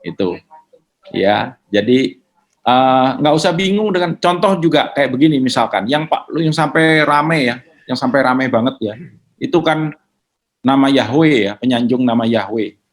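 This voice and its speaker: A man answering questions in a relaxed, conversational teaching manner, mixing in English words. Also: medium pitch, measured pace. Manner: casual, mixes in English words.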